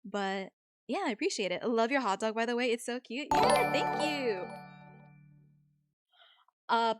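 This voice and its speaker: A woman's voice: fairly high pitch, brisk, over loud music. A woman livestream host talking casually and informally with her viewers.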